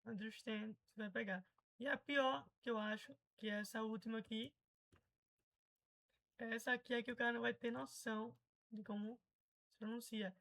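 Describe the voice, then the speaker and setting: A woman's voice: fairly high pitch, fairly bright tone, low-quality recording. Chatty Brazilian woman teaching pronunciation. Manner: chatty, explains patiently and repeats example words. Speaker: English teacher. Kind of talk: casual pronunciation lesson.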